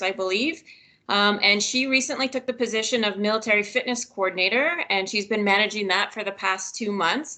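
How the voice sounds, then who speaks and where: A woman's voice: mid-range voice, bright, forceful tone. A woman giving upbeat staff announcements on a work video call from home. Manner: upbeat, giggly after a mishap. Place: home office.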